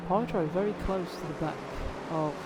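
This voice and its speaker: A tired man with a fairly high voice provides live sim racing commentary, relaxed and chatty as he speaks directly to drivers and viewers. A noticeable layer of noise sits behind him on his stream mic.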